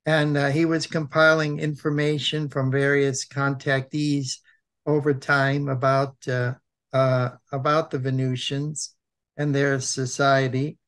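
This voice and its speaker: An older American man co-hosting a web program, presenting informally and reading aloud, hesitant and repeating himself, with a thick, sore-throat voice and frequent throat clearing. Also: medium pitch, level tone, fairly bright tone. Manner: halting, hesitant, with many pauses and repeats.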